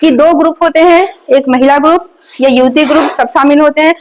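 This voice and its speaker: A woman's voice: high-pitched, steady tone, brisk, poor audio. A woman teacher, coaching for exams and explaining by repeating key points and asking rhetorical questions. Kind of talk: exam coaching lecture.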